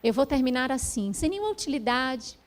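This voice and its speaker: A woman voicing a humble male pine tree, musing quietly to himself in a spiritual story. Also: very high-pitched, very animated, a little fast. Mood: resigned.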